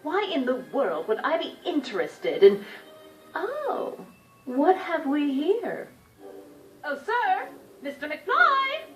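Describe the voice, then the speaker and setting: A woman's voice: sits high, echoey room, recorded from a distance, exaggerated voice, poor audio. An actress voicing a prim, scolding older woman in a video game, with a haughty manner. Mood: gleeful.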